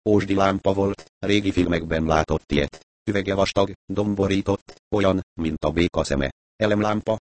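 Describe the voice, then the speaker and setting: A man narrating a story as an audiobook reader, in a measured, even manner. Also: low voice. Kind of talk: audiobook reading.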